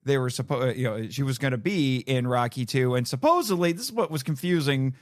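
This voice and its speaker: A man's voice: medium pitch, lively intonation, brisk, no echo, studio quality. A man hosting a casual film discussion, explaining things in a rambling way and backtracking mid-thought. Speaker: film podcast host.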